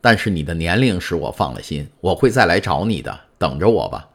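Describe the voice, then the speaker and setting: A man's voice: low-pitched, sing-song, brisk, gravelly, slightly rough, exaggerated voice. A man voicing a secretive, calculating older male prisoner who speaks in guarded questions in an audiobook. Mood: grave. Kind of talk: audiobook character voice.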